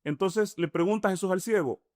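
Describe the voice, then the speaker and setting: A man with a Salvadoran accent explains his points step by step as an interview guest, often checking in with a quick "mm?" and posing rhetorical questions. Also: high-pitched, a little mellow, no room sound, studio quality. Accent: Salvadoran Spanish. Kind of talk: conversational explanation.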